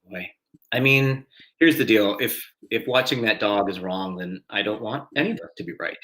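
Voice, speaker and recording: A man's voice: low-pitched, a bit bright, low-quality recording. A man hosting a live-streamed trivia night, chatty and self-deprecating, often chuckling at his own mistakes. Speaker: trivia host.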